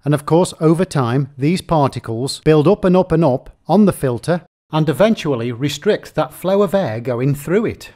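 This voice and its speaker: A man's voice: on the high side, animated, moderate pace, hardly any pauses, warm tone. Methodical man explaining repairs. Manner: methodical, plain explaining, repeats points. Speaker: repair technician explaining chainsaw faults. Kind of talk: instructional narration.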